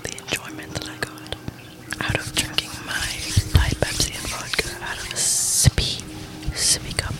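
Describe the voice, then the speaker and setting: A woman doing whispered role-play as a mock ASMR whisperer, slow and breathy and theatrical. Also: close to an everyday voice. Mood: solemn. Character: mock ASMR whisperer sipping from a sippy cup.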